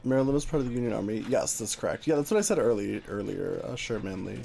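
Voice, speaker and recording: An American man chatting casually as a livestream host while gaming, with an animated, conversational manner. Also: fairly low pitch, quick pace, vocal fry, slight background noise. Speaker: live streamer host.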